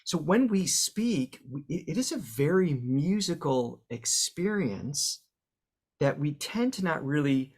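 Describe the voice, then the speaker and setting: A man's voice: fairly high pitch, very animated, takes it slowly. A man, a voice coach and guest on an interview podcast, explaining how speech and singing work through examples, with the odd filler.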